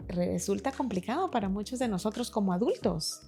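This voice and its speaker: A woman's voice: medium pitch, expressive, brisk, dark tone, soft background music. A woman with a Guatemalan Spanish accent hosting a podcast, asking guests reflective questions. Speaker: podcast host. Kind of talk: podcast interview.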